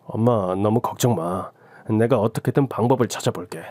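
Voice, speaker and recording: A man's voice: lowish voice, normal speed, warm tone, dry recording, close to an everyday voice. A man voicing an evasive young husband who keeps placating his wife in a radio drama. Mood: hesitant. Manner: placating, wheedling.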